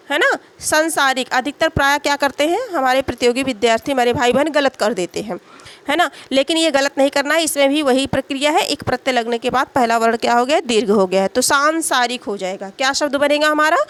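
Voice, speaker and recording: High-voiced woman drilling Hindi grammar. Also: brisk, a bit bright. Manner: asks questions and answers them herself, repeats each word; frequent tag "है ना". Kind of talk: exam-prep grammar lesson.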